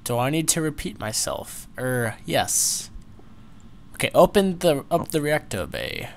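A man hosting a gaming video, chatting casually and reacting excitedly as he plays. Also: fairly high pitch, measured pace, gravelly, a little hiss or hum. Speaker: channel host, game player.

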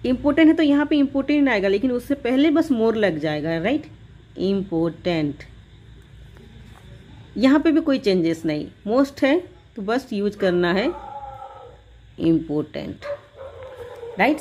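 A woman teaching an English grammar lesson, explaining slowly and deliberately and switching between Hindi and English. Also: a little high, expressive, mellow, dull audio, a little hiss or hum.

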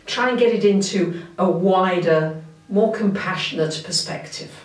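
A woman astrologer giving a monthly forecast in a gentle, unhurried, reflective way. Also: lowish voice. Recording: roomy, mic at a distance.

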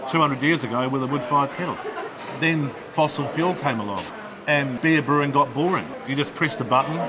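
An older man talks in a documentary interview, brisk and earnest. Behind him the room is full of chattering diners. His voice sits at an ordinary male pitch. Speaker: brewery founder. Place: busy brew bar with diners.

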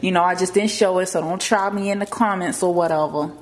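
A young lifestyle vlogger reads recipe steps aloud in her home kitchen, tossing playful asides to her viewers in a casual cooking vlog. Her voice is fairly low and fairly even, a little fast, with loud music behind it and faint vent fan noise in the kitchen.

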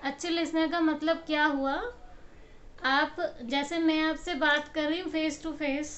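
High-voiced woman giving a lively pep talk. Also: takes it slowly, dull audio. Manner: animated storytelling, acts out quotes, laughs often. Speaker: motivational speaker. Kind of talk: casual motivational talk to camera. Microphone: camera mic.

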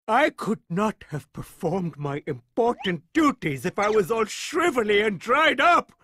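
Pompous, party-mad lemur king for animated game; very high, drawn-out, swooping delivery. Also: slightly rough, no room sound, clean studio sound, heavily acted. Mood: indignant. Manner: theatrical, pompous, childishly gleeful. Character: vain, excitable, party-loving lemur king. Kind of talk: animated video game cutscene acting.

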